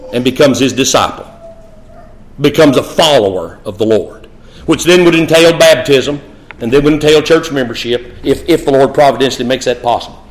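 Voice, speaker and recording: A man preaching a sermon, quoting scripture in old-fashioned wording and rising to a raised, forceful voice on his key points. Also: fairly high pitch, low-quality recording.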